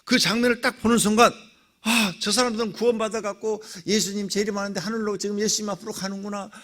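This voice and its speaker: A middle-aged male pastor telling a personal testimony in a dawn prayer sermon, dramatic, with sudden swings between loud cries and near whispers. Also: high voice, flat delivery, fast.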